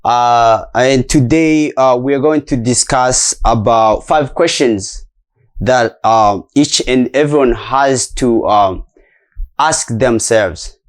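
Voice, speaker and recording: A man's voice: medium pitch, slow. A man hosting a casual interview, speaking hesitantly with many filler sounds. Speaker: host.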